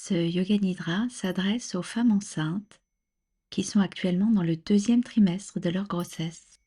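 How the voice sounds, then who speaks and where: Guiding a relaxation meditation, this yoga nidra instructor speaks on the low side. Her tone is soft, breathy and calming, and each instruction is gentle and measured.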